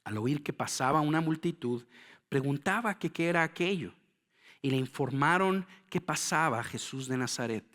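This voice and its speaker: A middle-aged pastor preaches in an animated, rather high voice, alternating hushed, slow phrases with loud, fervent calls. He addresses his congregation directly with rhetorical questions.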